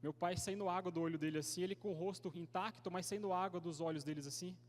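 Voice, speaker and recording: A man's voice: high-pitched, steady tone, fast, a little hiss or hum. A young man with a Brazilian Portuguese accent preaching a sermon, telling a personal story in a slangy, conversational way. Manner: slangy and conversational, calls listeners "cara"; acts out quoted voices in his story. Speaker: youth pastor preacher. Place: church hall. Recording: reverberant church hall.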